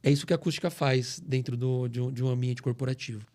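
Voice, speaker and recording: A middle-aged man from Brazil, a guest on a podcast, explaining things in an animated, storytelling way in a studio. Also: mid-range voice, fast talker. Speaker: guest, acoustics company CEO. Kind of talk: casual podcast interview.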